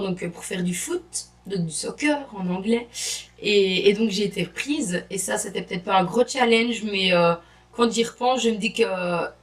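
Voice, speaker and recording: A young woman, chatting enthusiastically to camera as an exchange student vlogger. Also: medium pitch. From Belgium. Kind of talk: casual vlog to camera. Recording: voice a bit distant from the mic.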